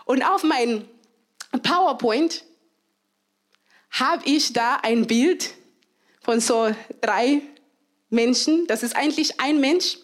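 A woman preaching a sermon, lively and given to laughter, acting out cheers and quoted voices and slowing down hard on key phrases. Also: high-pitched. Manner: slows down for emphasis on key phrases.

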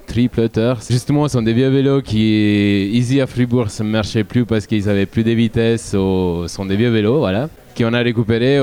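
Man, mid-pitched, mellow, casual interviewee. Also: clean tone. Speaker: interviewee, bike workshop member. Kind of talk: casual chat.

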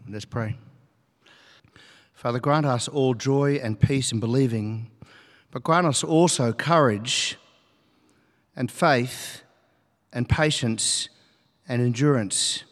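A male preacher leading a prayer and opening his sermon in a deliberate, prayerful manner. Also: mid-range voice. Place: church. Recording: long reverb of a church.

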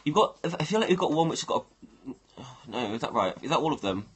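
A man's voice: mid-range voice, big pitch swings, fairly quick, slightly rough. A man hosting a casual livestream, rambling and thinking aloud as he talks to his viewers. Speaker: livestream host.

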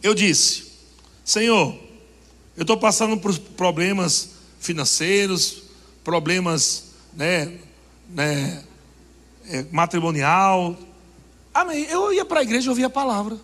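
A man's voice: high-pitched, slow, pauses often, a bit bright. A man preaching a sermon, joking and laughing with the congregation. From Brazil. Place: church hall. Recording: long reverb of a church hall.

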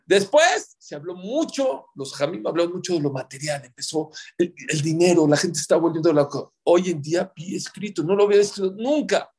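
A man's voice: expressive, a little fast, few pauses, darkish tone, slightly rough. A man who gives marriage advice to an audience, speaking emphatically and counting off his points. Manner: emphatic, counts off points, acts out quotes in sudden high outbursts. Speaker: religious advisor on marriage.

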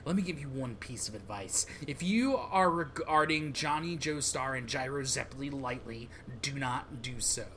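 Here is a grim, humorless soldier who speaks in stiff, solemn, measured lines, read by a man in a comic read-along. His voice has a bright edge and moves across a wide pitch range even when he is serious. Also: a little hiss or hum. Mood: cold. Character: grim, stoic adult male soldier-assassin. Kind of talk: manga read-along voice acting.

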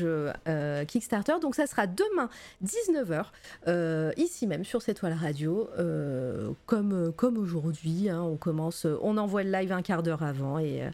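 A woman's voice: fairly low pitch, darkish tone. A woman hosting a live stream in a casual, chatty way, with many fillers and little giggles. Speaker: stream host.

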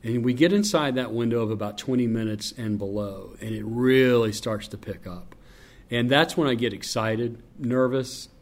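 Deep-voiced male stadium announcer. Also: normal speed. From North Carolina. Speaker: public address announcer. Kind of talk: interview conversation.

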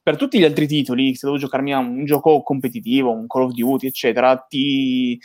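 A man's voice: medium pitch, flat delivery, fairly quick, a little mellow, dry recording. A man giving his opinions casually in a gaming talk, in a rambling way with frequent checking tags, speaking into a close microphone. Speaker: panelist on a video game talk show.

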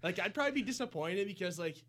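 A man co-hosting a casual hockey talk show, giving plain-spoken opinions in a relaxed way. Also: high voice, quick pace, a crowd in the background. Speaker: podcast co-host.

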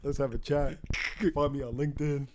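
A man's voice: medium pitch, level tone, a little fast, noisy background. A man hosting a casual podcast chat, laughing often and swearing casually as he talks with his guests. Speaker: podcast host.

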